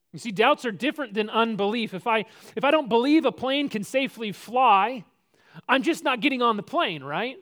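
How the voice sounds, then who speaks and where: A man's voice: high voice, fairly bright tone. A man preaching a sermon in a conversational way, posing rhetorical questions and often restarting his words. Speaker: pastor.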